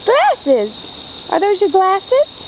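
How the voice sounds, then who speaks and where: A woman's voice: extremely high pitch, wildly swooping pitch, extremely slow, heavy background noise. A mother on home camcorder audio, filming her toddler outdoors and talking to her in a sing-song way. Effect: home camcorder recording. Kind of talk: home video. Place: outdoors in a garden.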